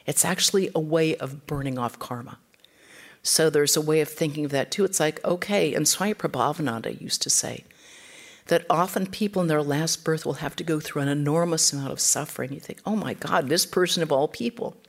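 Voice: mid-range voice, fairly quick. A spiritual teacher giving an informal talk, speaking conversationally and acting out the quotes in the stories.

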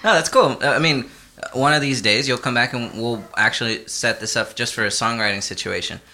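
A man's voice: medium pitch, fairly quick, pushed and bright. A man hosting a music podcast in a casual, easygoing interview, encouraging his guest and chuckling often. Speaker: podcast host.

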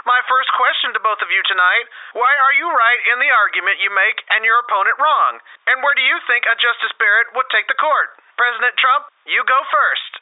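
A man's voice: extremely high pitch, a little fast, hardly any pauses. A man voicing an exasperated, short-tempered male debate moderator who curses, on a tinny phone-like recording. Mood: announcing. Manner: exasperated, cursing. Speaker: podcast host. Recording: tinny phone-like dry sound.

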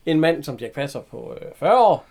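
A man's voice: a little high, very animated, vocal fry, a little mellow. A man chatting casually about an old film, retelling scenes, swearing and laughing easily.

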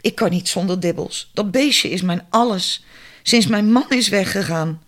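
Liz: a man doing a hoarse, scatterbrained woman. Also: sits high, a little slow, a bit bright, pitched above the performer's own voice. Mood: plaintive. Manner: plaintive, rambling. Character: hoarse, shabby, scatterbrained woman around forty.

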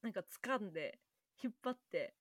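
A young woman with a Kansai accent tells a story as a podcast co-host, slipping into lively quoted voices. Her pitch sits mid-range. The recording is dry and close to the mic. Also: moderate pace, dry recording. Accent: Kansai Japanese. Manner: animated storytelling, acting out quotes. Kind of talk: casual chat.

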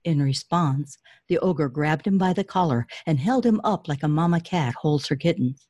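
A woman who writes children's books talks eagerly about her readers, often restarting her sentences as she goes. Her voice is low and husky. The recording is dry and close. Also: lively intonation, moderate pace, darkish tone, no room sound, highs cut off. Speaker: children's author. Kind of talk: interview answers and storybook reading.

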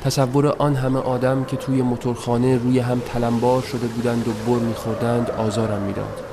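A man reading a story aloud in a soft, measured, somber voice, as scripted narration. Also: medium pitch, little pitch movement. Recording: noisy recording.

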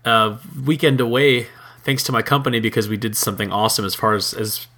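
A man hosting a casual solo podcast, hoarse-voiced, rambling with many fillers and restarts. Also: on the low side, fast talker, bright, forceful tone. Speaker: podcast host.

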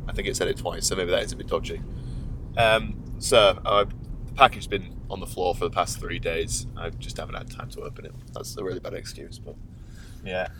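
A man's voice: deep voice, noisy background. A man with a groggy morning voice, a teacher co-hosting a casual podcast in a car, laid-back and self-mocking as he tells a story. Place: inside a car.

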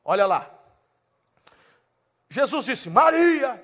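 A man preaching a sermon, dramatic and animated, acting out scenes in different voices and rising to shouts at the peaks. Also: extremely high pitch, moderate pace.

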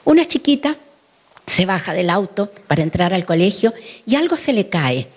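A woman's voice: mid-range voice, big pitch swings, moderate pace. An older woman giving a talk on early childhood education to an audience, often asking them questions and acting out the voices she quotes.

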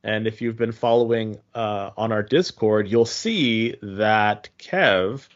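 A man co-hosting a podcast, chatting casually and haltingly, often repeating his phrases. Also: fairly low pitch, lo-fi sound. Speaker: podcast co-host. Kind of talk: casual chat about games and trips.

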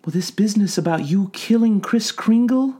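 A man voicing a composed female asylum doctor who speaks in a flat, measured, soothing tone. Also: high voice, husky, pitched above the performer's own voice. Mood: probing.

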